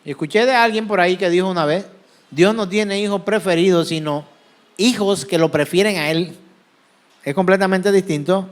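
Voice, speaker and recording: A man's voice: sits high, moderate pace. A man with a Colombian Caribbean accent preaching a sermon as pastor, asking the congregation questions and answering them himself. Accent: Colombian Caribbean Spanish.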